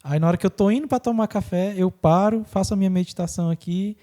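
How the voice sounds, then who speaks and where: High, warm-voiced podcast host. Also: male voice. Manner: animated, acts out quoted people in quick voices. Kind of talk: casual explanatory podcast talk.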